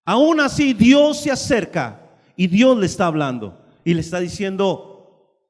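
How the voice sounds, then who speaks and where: Animated high-voiced preacher. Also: male voice, unhurried, in a large hall. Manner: animated, swings between loud emphasis and soft asides, acts out dialogue. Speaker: pastor. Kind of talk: sermon.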